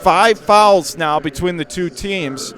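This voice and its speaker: A Western New York-accented man handles radio play-by-play for a high school basketball game, moving fast through each play. The big moments push his voice up into excited shouts.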